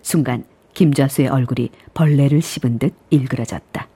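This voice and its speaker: Mellow-voiced woman radio host. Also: extremely low pitch, brisk, slightly rough. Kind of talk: live radio talk and narration.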